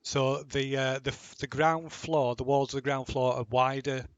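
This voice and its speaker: A man's voice: mid-range voice, steady tone, moderate pace, smooth, no echo, lo-fi sound. A man running a tabletop game as game master, talking in a hesitant way with many restarts.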